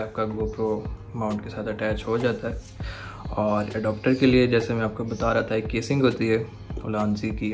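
This is a casual gear tutorial from a young Pakistani motovlogger whose fairly low voice has a vocal fry. Speaking with an Urdu accent, he walks viewers through his motorcycle camera and mic setup, frequently pausing on "theek hai" to make sure they're following.

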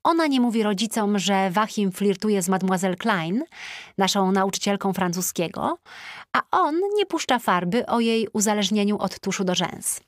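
A woman narrating an audiobook in the first person with a chatty, lively teenage-diary tone, recorded on a close studio mic. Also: mid-range voice, normal speed, no room sound.

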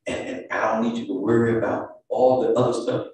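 A man's voice: mid-range voice, steady tone, fairly quick, a little mellow. A man preaching a sermon and altar call as pastor, with a Southern US accent and a rhythmic delivery that builds into sung, chanted calls. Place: church sanctuary, heard from afar. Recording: distant echoey church with piano. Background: organ or piano music under the preaching.

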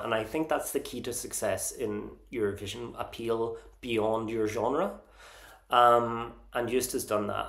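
Gravelly man vlogging in a roomy echo. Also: mid-range voice, a bit bright. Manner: hesitant, frequent ums and restarts; earnest and openly enthusiastic. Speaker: Eurovision vlogger ranking songs. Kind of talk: casual opinion vlog.

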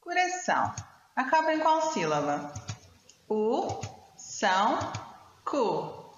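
A woman voicing a cheerful female classroom helper, slowly quizzing children on syllables. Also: a little high, very animated, slight background noise. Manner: slow, clear, quizzing. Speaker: animated tutor character. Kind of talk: scripted quiz for children. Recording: dull, echoey, reverberant sound.

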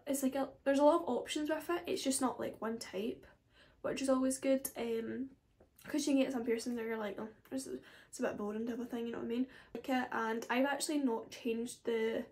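Chatty high-voiced woman. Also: fairly even intonation, brisk, a little mellow. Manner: chatty and rambling, with frequent asides. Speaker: beauty vlogger. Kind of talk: casual chat to camera.

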